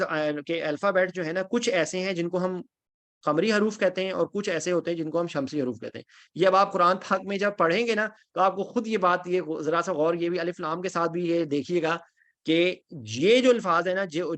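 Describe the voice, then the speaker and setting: A man's voice: high-pitched, fairly bright tone. A man teaching an online Quran grammar class, patiently explaining and reciting lists of Arabic word forms, checking in with his students often. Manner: patient, repeats "theek hai?" to check understanding.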